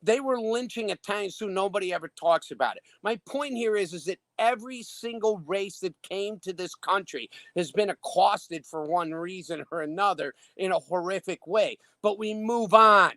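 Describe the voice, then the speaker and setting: A man with a notably high-pitched voice speaks with emphatic indignation, piling up rhetorical questions in a heated political discussion. The recording is dry and close, with no room sound. He talks like a host who is used to holding the floor. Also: moderate pace, few pauses, sharp tone, no room sound. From Illinois. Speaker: show host.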